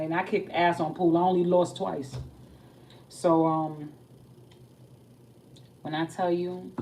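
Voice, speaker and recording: A young adult woman giving a tarot reading and chatting about her night in a casual, streetwise way. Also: fairly low pitch. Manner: chatty, streetwise, animated when telling stories. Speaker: tarot reader. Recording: voice a bit far from the mic, faint background noise.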